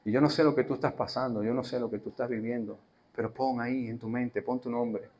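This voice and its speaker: A male pastor delivering a sermon, emphatic and repetitive, swinging between loud declarations and soft, quiet appeals. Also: medium pitch, fairly even intonation, brisk, a little hiss or hum.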